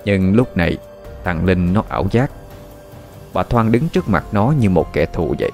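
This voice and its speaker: Low-voiced male storyteller. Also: moderate pace, soft background music. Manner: steady, dramatic storytelling. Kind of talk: dramatic story narration.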